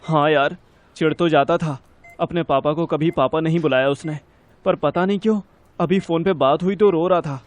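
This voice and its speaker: A man playing a calm young caller. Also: on the high side, normal speed, natural voice.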